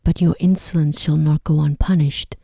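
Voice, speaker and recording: Woman softly playing a stern, hushed storybook beast. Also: sits low, steady tone, normal speed, creaky, husky, dry recording, studio quality, exaggerated voice. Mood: angry, stern. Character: stern, angry male beast of a fairy tale. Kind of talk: bedtime storybook reading.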